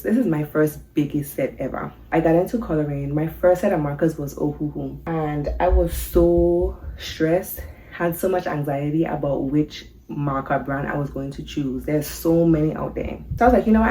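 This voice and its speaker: A woman's voice: low-pitched, steady tone, moderate pace, dark tone, a little hiss or hum, poor audio. A young woman with a Virgin Islands accent, chatting nervously and casually to camera in her first vlog about her coloring hobby. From Saint Thomas, U.S. Virgin Islands. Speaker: coloring vlogger. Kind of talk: casual first-video introduction.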